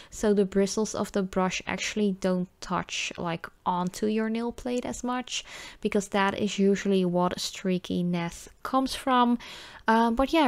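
A native Dutch speaker with a Dutch accent chats informally while giving a casual review of nail polish. Her mid-range voice has a darkish tone, and the recording has no room sound.

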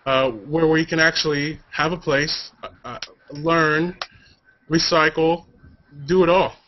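A man answering interview questions about his project, earnest and halting, with many fillers. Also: fairly high pitch, a little hiss or hum. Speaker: show creator. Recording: dull lo-fi sound.

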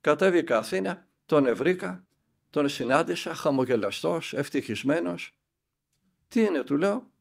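An older man, an elder monk, tells a spiritual story and acts out the dialogue with lively emphasis. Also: a little high, creaky.

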